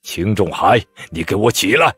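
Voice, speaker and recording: A man's voice: extremely low pitch, fairly even intonation, moderate pace, a little mellow, voice pushed down. A man voicing a stern, testy older official who scolds and presses impatiently. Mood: bellowing.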